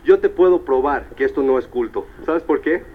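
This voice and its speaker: A man's voice: medium pitch, moderate pace, a little hiss or hum. A man giving a motivational seminar talk, telling stories with animation and slipping into English. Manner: animated storyteller, slips into English. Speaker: motivational speaker. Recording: dull old cassette tape.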